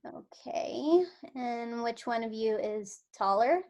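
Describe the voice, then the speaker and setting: A woman plays a high-pitched, bossy alien examiner in what sounds like a comedy script table read, delivering lines dryly and bluntly with open scorn for humans. She speaks at a slow pace in a darkish tone, with a brisk, official mood.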